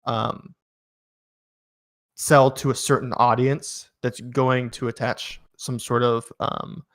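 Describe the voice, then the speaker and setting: A young man co-hosts a casual podcast and lays out his points in a measured, analytical way, pausing on fillers as he thinks. His voice sits at an ordinary pitch for a man. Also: little pitch movement. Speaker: podcast co-host.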